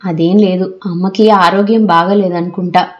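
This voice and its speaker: A woman's voice: fairly low pitch, steady tone, moderate pace, lo-fi sound, natural voice. A woman reading the lines of a middle-aged husband and father who talks steadily and reasons with his family, in an audiobook. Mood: reasoning.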